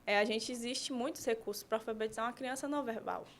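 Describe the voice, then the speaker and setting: Uma mulher convidada, pedagoga e terapeuta, explicando com exemplos numa conversa de podcast e pontuando as frases com "né?". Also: female voice, on the high side, fast talker, a little hiss or hum. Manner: explains with examples, frequent "né?". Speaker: guest, pedagogue and therapist.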